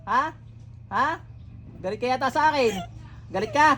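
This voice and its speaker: A man's voice: very high-pitched, normal speed, pushed and bright. A man, a faith healer leading a ritual, sternly taunting and interrogating spirits. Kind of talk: healing ritual, commanding spirits. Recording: noisy room recording.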